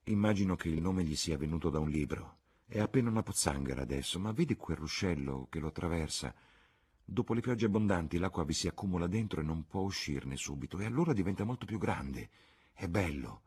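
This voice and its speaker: A man voicing a candid, dreamy young English woman in an audiobook, raising his voice lighter and higher for her. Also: lively intonation, a little fast, darkish tone, slightly rough.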